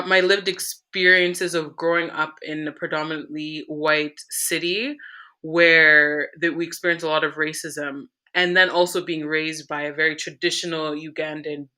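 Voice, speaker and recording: A woman's voice: low voice, pushed and bright, clean tone. A young woman from Canada, a podcast guest telling her story in an earnest, reflective way. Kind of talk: candid conversational interview.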